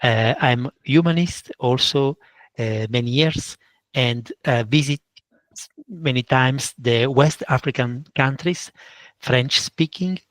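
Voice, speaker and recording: A man speaks English haltingly. His voice is mid-pitched, and the recording is dry and close. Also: fairly bright tone, no echo. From Italy. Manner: halting non-native English, polite.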